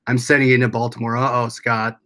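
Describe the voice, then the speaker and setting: A man's voice: mid-range voice, flat delivery, brisk, sharp tone. An American man hosting a casual livestream, rambling along as he reads and answers viewers' comments aloud. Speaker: livestream host.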